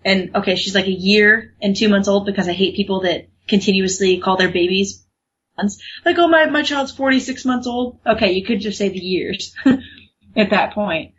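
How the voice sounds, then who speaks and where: On a muffled, lo-fi recording, a young female podcast co-host chats casually at a moderate pace. Her mid-range voice is steady in tone and slightly rough, and she talks loosely, laughing a lot and filling gaps with plenty of fillers.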